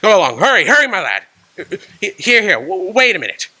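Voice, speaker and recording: Giddy old scrooge in a radio play, high bright voice, bouncing all over. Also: male voice, sing-song, fairly quick, full character voice, rough recording. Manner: exuberant, laughing, theatrical. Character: reformed old miser, giddy and joyful. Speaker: actor. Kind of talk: radio drama acting.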